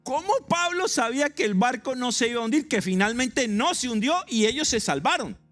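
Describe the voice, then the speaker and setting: A man with a Colombian accent, preaching a sermon in a lively, joking way and acting out stories. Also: very high voice, a little fast, faint music behind. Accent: Colombian Spanish. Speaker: pastor.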